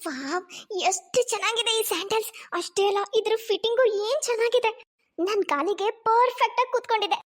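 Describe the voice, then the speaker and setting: A woman's voice: very high-pitched, fairly quick. A woman voicing a carefree young daughter-in-law in a cartoon, breezy and defensive. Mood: delighted. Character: carefree young daughter-in-law who takes others' slippers.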